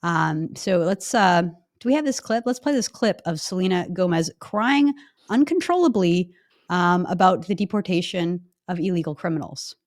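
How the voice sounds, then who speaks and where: Opinionated woman host, lowish voice. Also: animated. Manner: brisk, opinionated, many ums. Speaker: show host. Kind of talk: political commentary chat.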